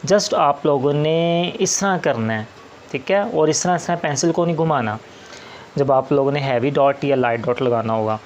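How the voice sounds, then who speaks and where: A man's voice: on the high side, normal speed, slight background noise. A man teaching shorthand step by step, patient and repetitive, often opening with "ji". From Pakistan. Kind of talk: slow step-by-step classroom explanation.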